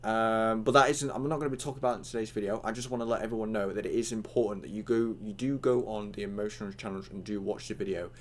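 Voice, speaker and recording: A man's voice: lowish voice, steady tone, quick pace, few pauses. Rambling young man teaching with hiccups. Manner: rambling, filler-heavy, acts out chat lines. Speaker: online trading tutor. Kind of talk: casual tutorial talk.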